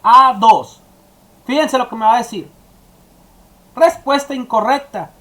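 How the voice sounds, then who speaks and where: A woman's voice: a little high, unhurried, a bit bright. Woman explaining a coding tutorial. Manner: explaining step by step, addressing students directly. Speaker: teacher. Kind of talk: screen-recorded coding tutorial.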